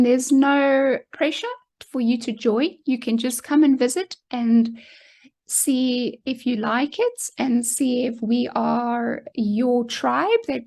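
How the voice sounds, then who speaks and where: A woman's voice: high-pitched, creaky, mellow. A woman hosting an interview podcast, talking in an encouraging, inviting way. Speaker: podcast host. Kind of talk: casual interview chat.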